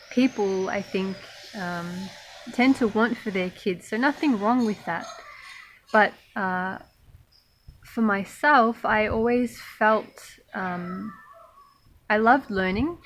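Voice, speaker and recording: A woman raised in Australia, talking thoughtfully to camera about her spiritual path, pausing often with fillers. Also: medium pitch, rough recording. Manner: slow, thoughtful, many pauses and fillers. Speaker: spiritual monastic vlogger. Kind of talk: reflective personal talk to camera.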